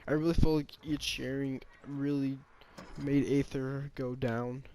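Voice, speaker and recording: A man's voice: mid-range voice, level tone, a little slow, mellow, a little hiss or hum. A man giving a casual, rambling opinion monologue about a game, often hesitating, restarting and sighing.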